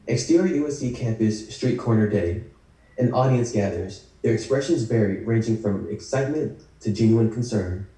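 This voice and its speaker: As narrator at a table read, a man reads the screenplay's action lines in a lowish, dark voice at a moderate pace. The room is very echoey and the mic sits far away.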